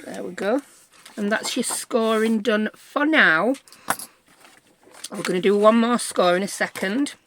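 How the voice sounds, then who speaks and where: Woman, British accent, casual craft tutorial host, chatty, thinking aloud, tag questions, mid-pitched voice. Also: a little slow, long pauses, background noise. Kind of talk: casual step-by-step craft demonstration.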